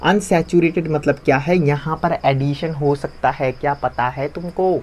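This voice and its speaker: A man's voice: fairly high pitch, steady tone, moderate pace, darkish tone. A young man teaching a lesson in a conversational, classroom style. He asks questions and answers them himself, repeating the key terms.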